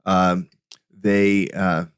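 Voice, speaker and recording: Middle-aged man, low voice, dry close sound, hesitant podcast host with frequent restarts. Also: little pitch movement, drawn-out words, clean tone, no echo. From United States. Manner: hesitant, many restarts and fillers. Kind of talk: casual solo podcast with slides.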